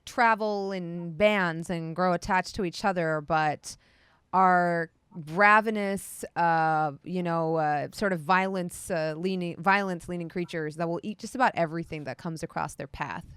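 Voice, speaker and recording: A woman running a tabletop roleplaying game as game master, animated and quick to laugh. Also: lowish voice, clear, resonant tone.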